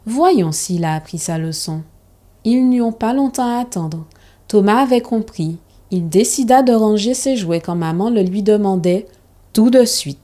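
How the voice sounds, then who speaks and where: Calm, mellow woman reading a children's story. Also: medium pitch. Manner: calm, measured storybook narration.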